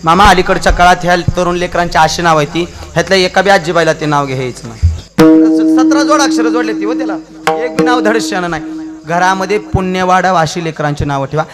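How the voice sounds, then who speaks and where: A man's voice: high-pitched, fast talker. A man preaching a devotional kirtan sermon, telling stories and calling out to the listeners. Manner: alternates singing refrains and lively storytelling, calling out to the crowd. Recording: echoey with music behind.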